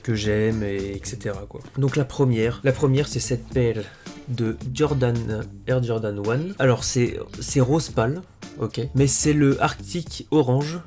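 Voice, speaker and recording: A man talking casually as a vlogger, presenting things in a relaxed show-and-tell with frequent fillers and self-corrections. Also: mid-range voice, a little slow, soft background music. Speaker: sneaker vlogger.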